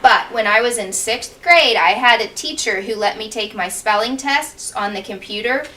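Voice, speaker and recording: A woman with a bright, forward voice at a middle pitch answers questions in a school-style interview. She speaks encouragingly in simple words and often repeats the question first. The mic is a little distant, with faint noise behind her. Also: normal speed. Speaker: school staff member being interviewed.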